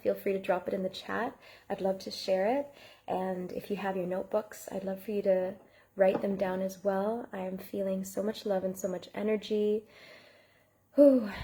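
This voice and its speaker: A woman's voice: mid-range voice, warm tone. A woman coach giving a heartfelt live online masterclass, reading out and thanking viewers in the chat. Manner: earnest, heartfelt, speaks to chat viewers by name.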